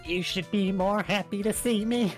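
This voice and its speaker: A man's voice: high-pitched, normal speed, soft background music, close to an everyday voice. A man doing a woman's voice, playing a chatty, clingy old lady witness in an amateur video game dub. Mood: coy, chatty.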